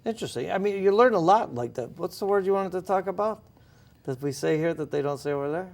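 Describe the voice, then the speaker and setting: A man's voice: sits high, animated, quick pace, creaky, a little mellow. A middle-aged man hosting a casual studio talk show, easygoing and prone to trailing off mid-sentence.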